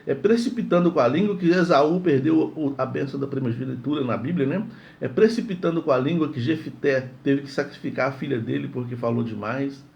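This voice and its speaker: A man's voice: medium pitch, brisk, creaky, muffled recording. A man giving a morning devotional sermon in a conversational way, often repeating words and checking in with "entende?". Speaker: preacher.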